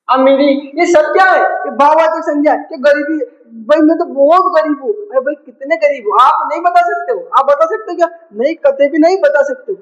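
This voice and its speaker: Male teacher, classroom lesson, rhetorical question drilling, roomy echo, muffled recording. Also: very high voice. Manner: drills with constant rhetorical questions, answers them himself. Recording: echoey room, dull lo-fi sound.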